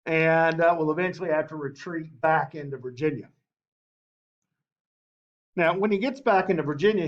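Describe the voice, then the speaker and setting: A man teaching a history class in a lively way, often asking the class and saying okay. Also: fairly high pitch, muffled recording.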